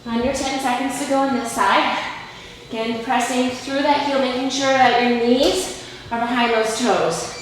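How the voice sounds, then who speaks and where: A woman's voice: high-pitched, a little slow. A woman fitness instructor, slightly out of breath, coaching and encouraging while she does push-ups and other exercises. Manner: talking while doing push-ups and lunges, with effort. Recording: very echoey room, faint background noise.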